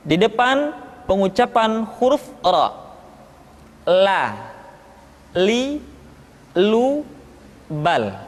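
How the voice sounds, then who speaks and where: A man teaching Quran letter pronunciation, drilling syllables slowly and chanting practice lines. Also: high voice. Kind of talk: slow instructional pronunciation lesson. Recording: long hall reverb.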